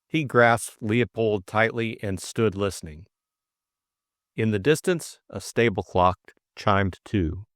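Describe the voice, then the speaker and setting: A middle-aged man co-hosts by reading a classic novel in storybook narration and then discussing it casually. His voice is lowish and slow-paced, recorded dry with studio quality.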